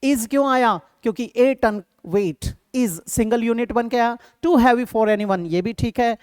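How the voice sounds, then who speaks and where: Indian male grammar teacher, measured and slow, patient quiz-and-answer delivery, dry close sound. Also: extremely high pitch, smooth, no room sound. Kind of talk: exam-prep grammar lesson in Hindi and English.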